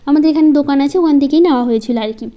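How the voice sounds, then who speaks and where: Soft-spoken high-voiced woman. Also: muffled recording. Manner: slow, soft-spoken, halting. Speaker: home vlogger. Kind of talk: casual voice-over vlog.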